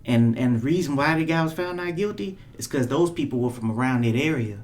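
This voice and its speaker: A man's voice: mid-range voice, lively intonation, a little fast, a little mellow. A man co-hosting a podcast, earnest and repeating words as he gets going. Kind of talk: casual podcast conversation.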